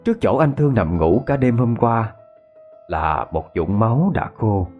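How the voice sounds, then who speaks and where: A man narrating a ghost story in a measured storytelling cadence. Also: fairly low pitch, expressive, lo-fi sound. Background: faint background music.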